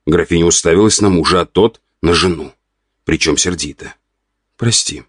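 A man narrating an audiobook in an even, scripted storytelling delivery. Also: low-pitched, brisk, dry recording, studio quality.

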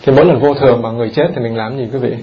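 Male monk, sermon, gravelly voice, lively questions to the audience, muffled lo-fi tape. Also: mid-range voice, very fast, slight background noise. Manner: animated, questions the audience often. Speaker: Buddhist monk teaching. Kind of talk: dharma talk sermon. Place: temple hall.

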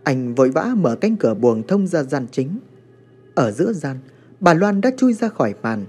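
Man narrating horror, high lively voice, mellow tone, faint music behind. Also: normal speed. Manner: dramatic expressive storytelling.

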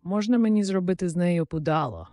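A cocky young squire bragging about his deeds with studied calm, in a storybook reading, as a man plays him. The voice is raised a little in pitch and recorded dry and close. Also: brisk, no room sound. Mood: excited.

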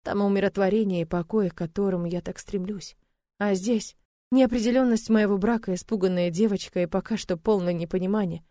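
A woman reading a novel aloud in scripted first-person narration, steady and even. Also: medium pitch, fairly quick, no room sound, studio quality. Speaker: audiobook narrator.

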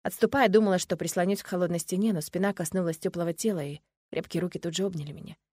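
An audiobook narrator reads a first-person story in a measured, expressive way. Her voice sits fairly low, and the studio-quality recording has no echo.

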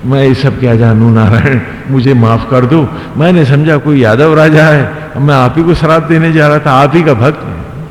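A preacher putting on an indignant, simple-hearted old sage. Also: male voice, mid-range voice, normal speed, hardly any pauses, lightly acted. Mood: pleading. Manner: indignant, pleading, raised voice. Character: angry simple-hearted male sage Utang. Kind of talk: sermon storytelling. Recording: echoey hall, faint background noise.

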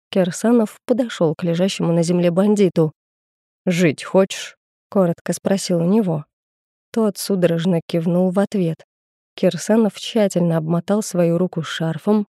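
Low, dark-voiced woman narrating. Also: no echo, studio quality. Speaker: audiobook narrator. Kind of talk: first-person audiobook narration.

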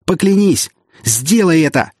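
A male audiobook reader voicing a wounded, furious middle-aged prince who shouts in rage. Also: on the low side, expressive, normal speed, breathy edge, dry recording, clean studio sound. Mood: desperate. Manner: shouting, enraged. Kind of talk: audiobook character voice.

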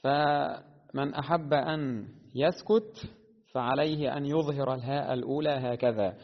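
A man teaching the rules of Quran recitation, explaining at a deliberate pace and slowing to chant the verses melodically. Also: medium pitch, fairly even intonation. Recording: dull lo-fi sound with long reverb.

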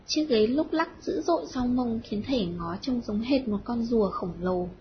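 A woman narrating an audiobook in an expressive storytelling style. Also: fairly high pitch, moderate pace. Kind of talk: scripted narration. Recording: dull lo-fi audio with faint noise.

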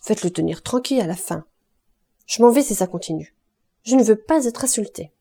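Woman doing a shrill, indignant young laundress. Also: expressive, fairly quick, gravelly, warm tone, husky.

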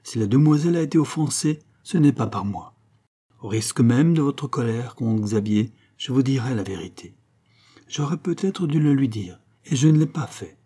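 A man's voice: mid-range voice, expressive, normal speed, dark tone, husky, pitched above the performer's own voice. A man reading as a devoted old servant. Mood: fervent. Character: devoted old male servant, fretful and tender.

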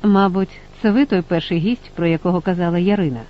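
A man's voice: high voice, a little fast, lo-fi sound, close to an everyday voice. A man voicing a curious, talkative father who keeps asking questions. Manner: inquisitive.

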